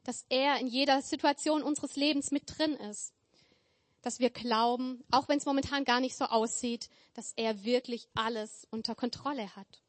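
A woman's voice: high-pitched, fairly even intonation, moderate pace. A woman preaching a sermon in an earnest, emphatic way, building her points through repetition. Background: church hall with tables.

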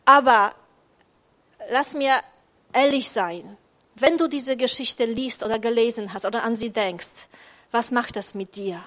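A woman with a high, light voice preaching to a congregation. She speaks as a guest preacher who was not born in Germany. Her delivery is chatty and conversational, with frequent checks like "ja?" and many restarts. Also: a little slow. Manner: conversational, asks the audience "ja?" often. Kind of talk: sermon.

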